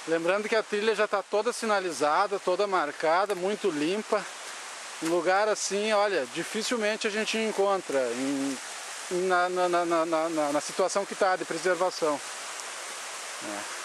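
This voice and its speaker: A man's voice: sits high, normal speed. A young man adding casual commentary during a forest hike, often stalling and repeating words as he searches for them. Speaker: hiking companion. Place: outdoors in forest near a waterfall. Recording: hiss and waterfall noise.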